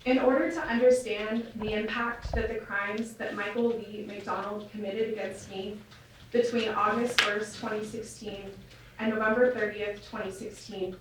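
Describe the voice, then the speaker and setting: A nervous woman reading a prepared victim impact statement aloud in a courtroom, measured and formal with soft fillers, captured on a courtroom recording. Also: medium pitch. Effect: courtroom audio recording. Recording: echoey courtroom, distant mic, faint hiss.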